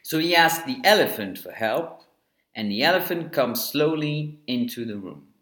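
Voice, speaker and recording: A man narrating a children's storybook in an expressive, storytelling way. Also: medium pitch, moderate pace. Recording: echoey room.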